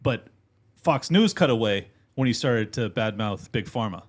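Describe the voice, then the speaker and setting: Male co-host, loose and chatty, quick interjections. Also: on the low side, lively intonation. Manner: quick interjections, casual slang. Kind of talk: casual political chat.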